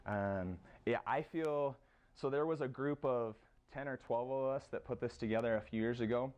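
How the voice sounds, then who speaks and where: A man with an American accent, a high school strength coach giving a casual conference presentation, with plenty of fillers as he lists exercises. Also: normal speed, a little mellow, clear, resonant tone. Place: conference room.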